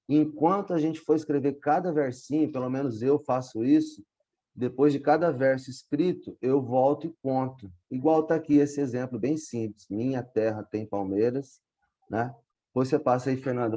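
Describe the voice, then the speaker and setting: This online poetry workshop is taught by a man whose mid-range voice has a dark tone. Patient throughout, he breaks things down step by step over the video call and frequently checks in with his students.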